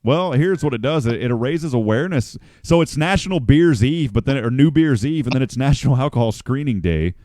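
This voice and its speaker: A man's voice: medium pitch, expressive, fairly quick, few pauses, a little mellow, no room sound. A man hosting a morning radio show, chatting casually and rambling, often correcting himself as he reads the news.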